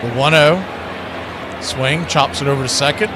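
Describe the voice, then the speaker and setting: Over background noise, a play-by-play announcer with a mid-range voice describes a live baseball game on radio at a moderate pace. He keeps it chatty, punctuating clipped calls with wry commentary.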